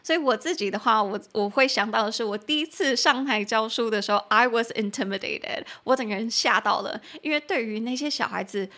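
A young woman hosting a podcast lesson, explaining English phrases in chatty Mandarin and spelling words out slowly. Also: on the high side, bright, forceful tone. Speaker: English teacher and podcast host. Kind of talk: bilingual language lesson.

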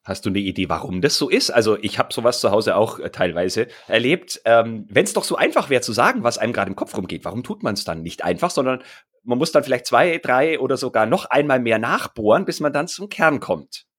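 A man's voice: mid-range voice, lively intonation, a little fast, breathy edge. A man interviewing a guest, asking long, hesitant questions with fillers. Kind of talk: conversational interview.

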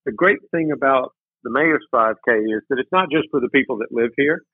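A man's voice: medium pitch, a little fast, breathy edge, no room sound. A man who is a city mayor, calling in to a radio show over phone call audio and chatting in an easygoing, upbeat way. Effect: tinny phone call audio. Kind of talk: casual radio chat. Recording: dry tinny phone line.

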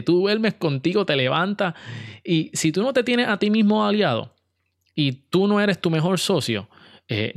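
A man's voice: medium pitch, vocal fry, no echo, studio quality. A man talking casually and earnestly to his viewers, with hesitations and restarts. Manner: earnest, with frequent fillers and restarts. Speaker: video creator. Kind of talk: casual personal talk to viewers.

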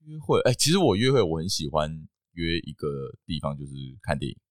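Deep-voiced man co-hosting a chat. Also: sing-song, fairly quick, no room sound, clean studio sound. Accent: Taiwanese Mandarin. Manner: teasing, laughs easily, steers the segments. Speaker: podcast co-host. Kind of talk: casual chat.

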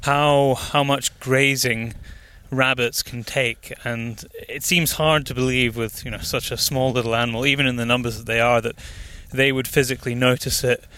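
Male interviewer, bright tone, conversational questions, outdoor walk, slightly breathless. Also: medium pitch, fairly even intonation, normal speed, few pauses, smooth. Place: outdoors on a plantation.

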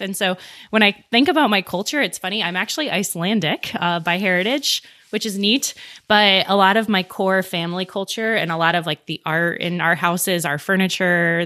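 Bubbly young woman, bright dry voice. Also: lowish voice, no echo. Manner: bubbly, enthusiastic, gushing. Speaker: pharmacist guest. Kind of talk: casual podcast chat.

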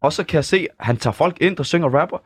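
This studio talk-show co-host leans high with a breathy edge, and there's no echo. He chats casually, recounting the group's story and performing the voices of the people he quotes.

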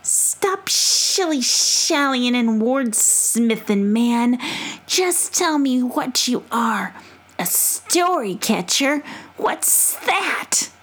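Woman putting on a gruff suspicious mama possum. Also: a little high, expressive, a bit bright, voice pushed up, exaggerated voice. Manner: blunt, scolding, drawn-out. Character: grumpy suspicious mother possum.

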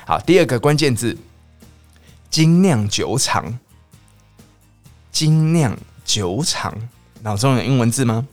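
Lively male English teacher, Taiwanese Mandarin. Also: mid-range voice, faint music behind. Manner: lively, drills pronunciation slowly and repeats words. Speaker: English teacher and podcast host. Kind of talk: bilingual English lesson podcast.

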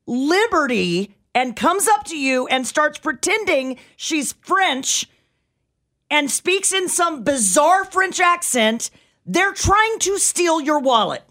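A middle-aged woman co-hosting a radio talk show, chatting casually and telling stories with lots of excitement. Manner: animated, storytelling, jumps into high squeals when excited.

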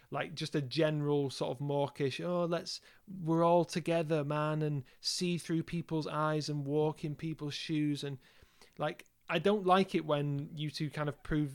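Gravelly-voiced man, dry and sardonic. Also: on the high side. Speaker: podcast co-host. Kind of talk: casual chat.

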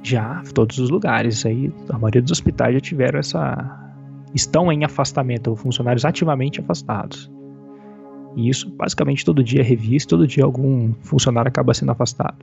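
A man in his thirties, an ICU doctor, explaining things in a measured way during an interview heard over a phone line. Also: mid-range voice, gravelly, darkish tone, faint music behind. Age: 30s. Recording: dull, muffled phone call audio.

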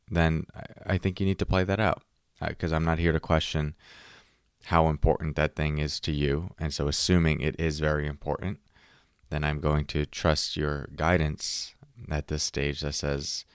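Very deep-voiced man, calm coaching talk. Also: clean tone, no echo, clean studio sound. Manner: reflective, gently inviting, posing questions to the listener. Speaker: relaxation and productivity coach. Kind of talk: calm, conversational guided self-help talk.

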